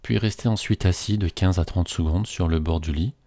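A man slowly reading a guided relaxation script in a soothing, measured way. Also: low voice, mellow, no room sound.

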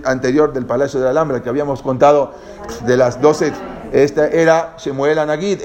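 A man's voice: mid-range voice, a little mellow. A man giving a lecture, hesitant and full of fillers and restarts, explaining things directly to his listeners. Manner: halting, many fillers and repeated restarts.

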